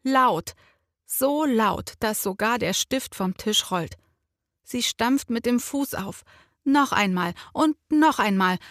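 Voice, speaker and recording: A woman narrating a children's story slowly, clearly and expressively. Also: fairly high pitch, expressive, a bit bright, no room sound, studio quality.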